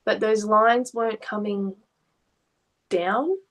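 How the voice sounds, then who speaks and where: A woman art therapist gently asking questions and explaining what a client's drawings mean. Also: mid-range voice, steady tone, slow pace, poor audio. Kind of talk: therapy session conversation.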